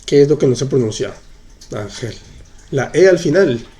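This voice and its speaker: A man's voice: medium pitch, expressive, dark tone. A man teaching in during a live online class, patiently repeating examples and answering viewers' chat questions. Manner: patient, explains slowly and repeats. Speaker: French teacher.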